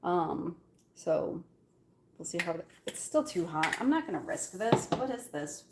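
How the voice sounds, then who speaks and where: A woman with a lowish voice, lively intonation, and an unhurried pace chats casually while baking in her home kitchen, with a noisy background. She's a cooking vlogger whose first language is Arabic, speaking with an Algerian Arabic accent and filling her talk with lots of fillers and giggles.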